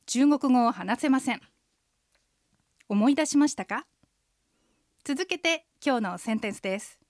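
A woman hosting a radio language lesson, explaining phrases patiently and clearly, often with a short "hai". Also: a little high, lively intonation, unhurried, no room sound, studio quality.

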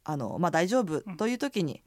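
A woman's voice: a little fast, no echo. Woman teacher on radio, voice jumps around a lot, chatty explaining, dry sound. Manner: explanatory, uses fillers, lively pitch. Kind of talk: radio language lesson.

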